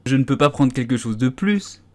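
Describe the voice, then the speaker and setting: A man's voice: mid-range voice, animated, moderate pace, a little mellow, natural voice. A man voicing a polite, curious young girl in a storybook, earnest and a little pleading.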